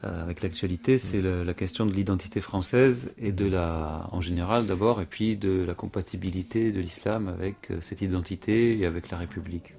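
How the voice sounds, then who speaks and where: A man asking an interview question, halting with fillers as he frames it. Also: low voice, vocal fry, a little mellow.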